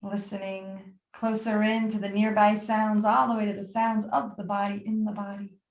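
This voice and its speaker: Leading a guided meditation, a woman who teaches yoga nidra speaks soothingly and without hurry. Her voice is mid-pitched and very even, barely rising or falling, with phrases fading into pauses in a noticeably roomy, echoey space.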